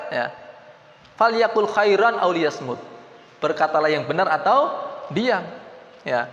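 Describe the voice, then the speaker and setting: A man's voice: high-pitched, a bit bright. A man with a Javanese accent preaching a mosque sermon, often asking the audience questions. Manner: mixes Javanese and Indonesian, asks the audience questions. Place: mosque hall. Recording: echoey mosque hall.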